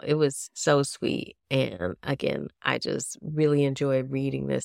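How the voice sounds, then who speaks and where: Podcast host, woman, low and slightly gravelly, unhurried, a bit nasal, dry close mic. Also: no room sound. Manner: gentle, chatty, self-deprecating. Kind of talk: solo podcast talk.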